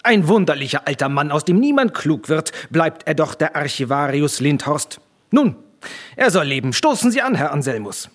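A man voicing a boisterous, tipsy middle-aged official who blusters loudly. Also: fairly high pitch, very animated, moderate pace, husky, voice pushed up. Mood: blustering. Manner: loud, blustering.

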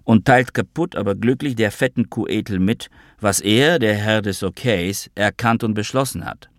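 A man narrating a literary audiobook in a wry, measured storytelling manner. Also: on the low side, dry recording, studio quality.

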